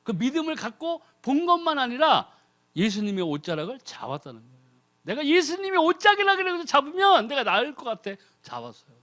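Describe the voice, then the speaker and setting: High-pitched, animated male lay preacher. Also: brisk. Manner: rhetorical questions to the congregation; mimics people's prayers in mocking put-on voices. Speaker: lay preacher, ordained deacon. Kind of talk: sermon.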